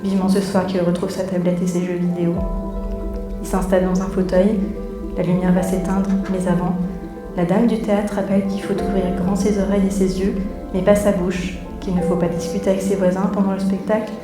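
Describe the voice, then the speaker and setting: A theatre director addresses a live audience in a theatre auditorium, offering a welcome and reading a story aloud. Her voice is on the low side, a little fast, with a flat delivery. The recording carries a roomy echo with music underneath.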